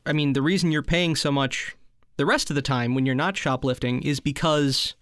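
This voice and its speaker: Deadpan comic host, man, slightly higher voice, dry close studio sound, fake-soothing meditation delivery. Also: moderate pace, no room sound. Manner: deadpan, soothing parody, breaks into banter. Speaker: comedy podcast co-host. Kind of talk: mock guided meditation, deadpan comedy.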